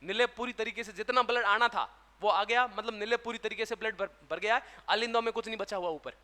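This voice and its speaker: High, bright-voiced Hindi lecturer in a hall. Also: male voice, fairly quick. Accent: Rajasthani Hindi. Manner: asks questions and answers them himself. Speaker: teacher. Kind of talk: classroom lecture. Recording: long hall reverb.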